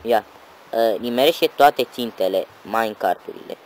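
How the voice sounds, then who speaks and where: A man giving excitable let's-play commentary, swearing and yelling at enemies over loud game music. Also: fairly low pitch, a little hiss or hum, rough recording. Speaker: gaming channel host.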